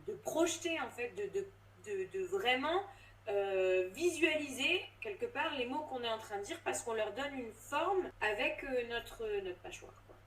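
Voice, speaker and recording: A woman in her thirties, a voice coach, explaining with lots of fillers and restarts in a casual interview. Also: on the high side. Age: 30s. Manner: hesitant, many fillers and restarts. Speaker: voice coach and drama teacher. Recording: roomy sound, distant from mic.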